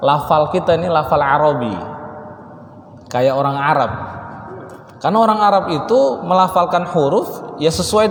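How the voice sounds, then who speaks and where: Playful high-voiced tajwid teacher in echoing hall. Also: male voice. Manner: playful, teasing, mimics exaggerated greetings, slow drawn-out recitation. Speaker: Quran recitation teacher. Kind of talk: mosque tajwid class, joking with students. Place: mosque hall. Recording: echoey mosque hall with long reverb.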